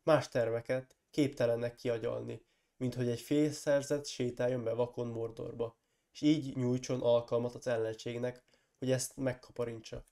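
A hoarse man reads aloud as a proud, forceful warrior lord, his gravelly, mellow voice roughened by a cold, in a storybook style. At medium pitch with little pitch movement and light acting, the angry lord presses his point insistently and flares into loud accusations.

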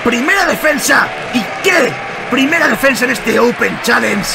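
A man with a Spain accent giving excitable, exclamatory live wrestling commentary and calling out moves. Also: extremely high pitch, moderate pace, gravelly, over music. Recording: noisy sports hall, loud crowd. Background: loud crowd and hall noise.

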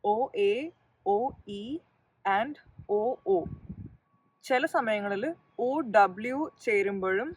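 A woman's voice: mid-range voice, extremely slow, long pauses, no room sound, rough recording. A woman hosting her own channel and teaching English pronunciation in a patient, step-by-step explanatory lesson.

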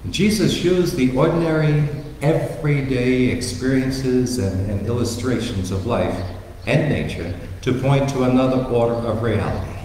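A priest reads scripture and preaches, leaning into stories and rhetorical questions. His pitch is middling. The sound carries a long church reverb and a faint room hum. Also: a little mellow. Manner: storytelling, emphatic with rhetorical questions. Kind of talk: sermon. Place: large church. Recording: echoey church hall with reverb.

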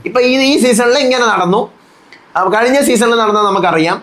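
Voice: medium pitch, fairly quick. A commentator giving a casual recap of a reality show and acting out the quarrels as they retell them. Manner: animated, acts out quarrels while retelling.

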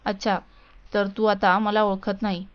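A woman reading the part of a wronged, angry young woman in a storybook tale, accusing and indignant, with a smooth voice on a dull lo-fi recording. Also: mid-range voice, flat delivery, unhurried, close to an everyday voice.

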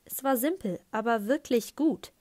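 A woman's voice: fairly high pitch, moderate pace, mellow, no echo. Woman reading an audiobook aloud. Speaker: audiobook reader. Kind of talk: first-person audiobook narration.

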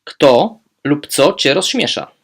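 Male language tutor, gravelly, unhurried, spells out each phrase carefully. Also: on the high side, sing-song. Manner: slow, modelling German phrases deliberately, quick asides in Polish. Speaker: German language teacher. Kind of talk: explaining German phrases in Polish.

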